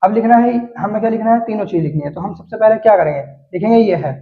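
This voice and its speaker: A man walks his viewers through shorthand strokes as he writes, saying each rule twice and keeping the tone casual. His voice sits high, and the sound is narrow and tinny, like a phone line. The room around him echoes. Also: fast talker. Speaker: shorthand teacher. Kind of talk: explaining steps while writing on a board.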